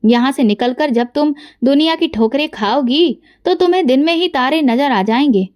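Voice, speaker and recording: A woman's voice: high voice, animated, normal speed, darkish tone. A woman voicing a cruel, domineering man who orders people out harshly and scornfully. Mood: harsh scorn.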